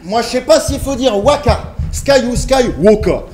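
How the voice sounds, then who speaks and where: A man's voice: very high-pitched, animated, moderate pace, background noise. A man from France delivering mocking, sarcastic a cappella rap battle verses at an opponent in an indoor venue. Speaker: battle rapper.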